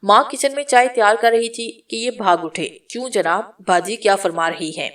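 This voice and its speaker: A woman's voice: medium pitch, a bit bright, recorded from a distance. A woman narrating a novel and reading every character's lines in her own voice. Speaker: storyteller.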